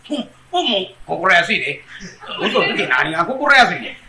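A man with a Kansai accent telling a comic story on stage, animated and switching quickly between characters. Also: high-pitched, echoey room, a crowd in the background, low-quality recording. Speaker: rakugo storyteller. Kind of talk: comic storytelling, playing every part.

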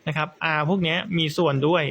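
Bright, chatty man explaining electronics. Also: a little high, level tone, a little fast, slight background noise. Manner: chatty, frequent polite particles, restarts mid-sentence. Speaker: electronics technician explaining amplifier assembly. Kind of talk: casual technical tutorial.

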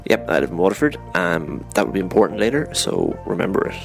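A deep, heavily gravelly man reads a casual ad with dry, self-mocking asides. The sound comes from a phone dictaphone recording rather than a studio mic, and music plays clearly behind him. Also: sing-song, quick pace, low-quality recording. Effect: recorded on a phone dictaphone app. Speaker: podcast host reading a sponsor ad. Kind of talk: casual read sponsor spot. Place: home in Waterford, not the studio. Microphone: phone dictaphone app.

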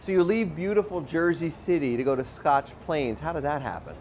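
A man's voice: a little high, expressive, a little fast, a little mellow, slight background noise. A man hosting a TV show, reading a scripted introduction and asking interview questions in an upbeat presenter manner. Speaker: TV host. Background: music.

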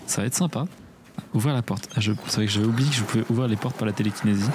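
A man's voice: lowish voice, rapid-fire, background noise. A man from France casually commenting on his game play, joking and doing playful silly asides. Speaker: streamer. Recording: music playing behind.

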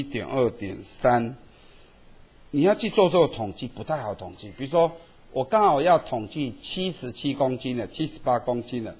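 A husky male statistics teacher, lecturing to a classroom. His pitch swings up and down lively as he keeps tagging sentences with quick checks on whether the students follow.

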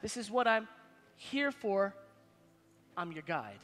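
A bright-voiced male pastor in his forties preaches from a church stage, pitching high and loud in one breath and dropping to a hush the next. His voice rings through a large hall with a long tail of reverb, and soft music sits underneath. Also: slow pace. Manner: animated, preaching with big swings in loudness and pitch. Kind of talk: sermon.

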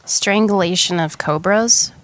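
A woman co-hosting a casual talk show, offering quick guesses with a giggly manner. Her voice sounds close and dry. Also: on the low side, a bit bright, no room sound. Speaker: co-host. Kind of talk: casual chat.

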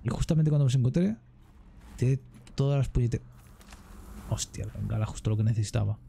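Excitable Spanish gaming streamer, dark voice. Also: male voice, medium pitch, fairly quick, gravelly, a little hiss or hum. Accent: Spain Spanish. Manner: excitable, swears a lot, jokey. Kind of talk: casual gameplay commentary.

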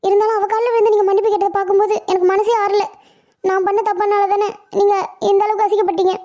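A performer voicing a devoted village housewife in a cartoon, with a Tamil Nadu accent and a quick, chattering manner. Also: extremely high pitch, little pitch movement, mellow. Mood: regretful. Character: patient village housewife, devoted to her husband. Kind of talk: cartoon voice acting.

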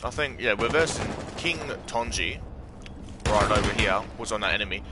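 An Australian gaming streamer with a lowish, lively voice talks at a moderate pace while playing a shooter, swearing often and joking around with his teammates. His casual live commentary sits over the game's gunfire and effects.

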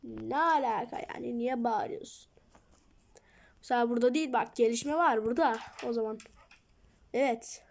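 A woman's voice: a little high, moderate pace, gravelly, long pauses. A woman hosting her gaming channel, jumpy and self-mocking, talking to herself through a horror game at home. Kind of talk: horror game let's play commentary.

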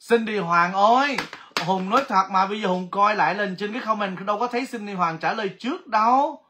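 A man hosting a casual livestream giveaway, chatty and excitable, exclaiming often. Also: high-pitched, moderate pace. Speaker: livestream host.

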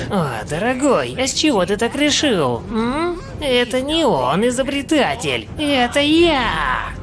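An actor plays a smug mad-scientist inventor in an animated dub. He is a theatrical villain who draws out his gloating with lively swings in pitch. Music plays underneath. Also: takes it slowly. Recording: music behind the voice.

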